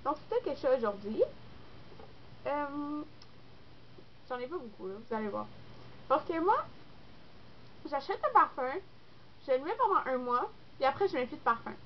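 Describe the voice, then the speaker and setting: Her voice sits high and animated, moving at a moderate pace with frequent pauses. A young Québécois-accented beauty vlogger with a stuffy cold, she chats casually to camera, rambling and full of fillers, on a dull lo-fi recording with faint background noise.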